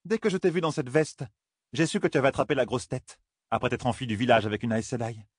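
A man's voice: medium pitch, fast talker, breathy edge, no echo, clean studio sound, pitched above the performer's own voice, natural voice. A man voicing a scornful young village woman, speaking with contempt and lecturing.

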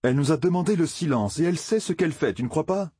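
Guy doing a jumpy sarcastic young village guy, higher than his husky reading voice. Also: lively intonation, quick pace, mellow, no echo, studio quality. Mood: jittery. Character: nervous, mocking young village man.

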